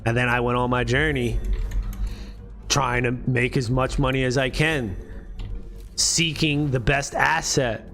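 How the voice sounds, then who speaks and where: This livestream host, a man in his late thirties, speaks in the mid range with a fairly bright tone. His talk is relaxed and profane, peppered with "bro" and "dude."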